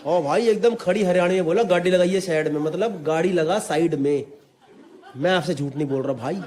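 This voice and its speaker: A young man from Delhi NCR performing an animated stand-up set, chatting directly with a live audience. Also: sits high. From Delhi NCR, India. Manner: animated, chatty, keeps addressing the audience as brother. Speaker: stand-up comedian. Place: comedy stage before a live audience. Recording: echoey live venue, crowd noise.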